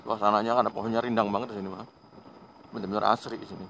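A fairly low-voiced Indonesian motovlog host talks rapid-fire with vocal fry as he rides his motorbike along country roads. The commentary is casual and chatty, full of laughter, and aimed at viewers as friends. A little hiss or hum is audible.

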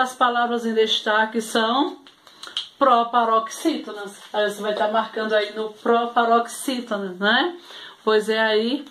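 Slow, patient Brazilian teacher woman. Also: on the high side, a bit bright. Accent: Brazilian Portuguese. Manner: patient, repetitive, keeps checking in with "né?". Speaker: primary school teacher. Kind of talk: televised remote class.

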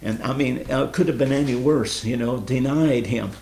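A man's voice: medium pitch, moderate pace, a little mellow, slight background noise. A man leading an informal Bible study, earnestly explaining scripture and quizzing his group.

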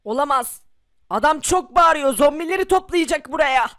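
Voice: sits high, expressive, normal speed, fairly bright tone, dry recording, studio quality. A performer voicing a lone gunman outside a house who taunts and shoots zombies to save the people inside. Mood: tough.

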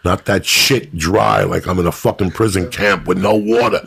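A middle-aged man talking on a podcast in a deeply gravelly, husky voice. He tells loud, profane stories with lots of swearing and big swings in how he says things. It sounds like casual chat with friends. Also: moderate pace. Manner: profane, animated storytelling. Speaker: podcast host.

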